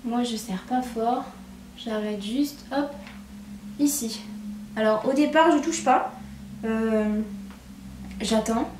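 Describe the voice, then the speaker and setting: In an echoey room with faint background noise, a chatty young woman demonstrates a hairstyle in a casual how-to, standing away from the mic. Her voice is on the high side, slow, with long pauses, and her regional French accent has a marked "hein". Relaxed as she works, she says "hop" and "voilà" a lot.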